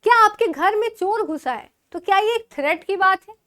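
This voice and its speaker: Very high-voiced woman teacher. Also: lively intonation, normal speed, a bit bright. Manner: asks questions and answers them herself; affectionately calls students babu. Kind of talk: exam-prep lesson.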